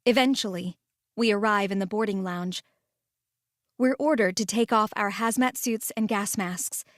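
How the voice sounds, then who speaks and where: A woman narrating a first-person story in a calm, measured way and voicing the lead. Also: medium pitch, no echo, studio quality.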